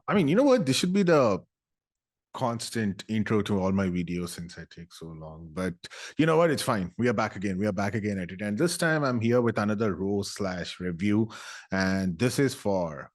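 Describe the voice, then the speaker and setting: A young man, ranting about a movie in casual, comedic, sarcastic style, breaking into loud animated bursts. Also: lowish voice, normal speed. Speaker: YouTuber.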